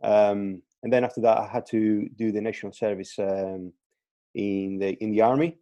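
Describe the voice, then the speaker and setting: A man in his thirties from Crete, Greece, a strength and conditioning coach, is a guest on a casual podcast interview, speaking English as a second language with a Greek accent. His voice is lowish and mellow, with a steady tone at normal speed, and there's no echo. He sounds hesitant, repeating words and using fillers.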